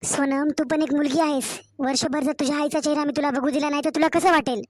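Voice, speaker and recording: A woman voicing a kind, caring older grandmother in an animated storybook, speaking slowly and heartfelt with a Marathwada Marathi accent. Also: high voice, natural voice. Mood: pleading. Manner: tender, pleading, slow and heartfelt.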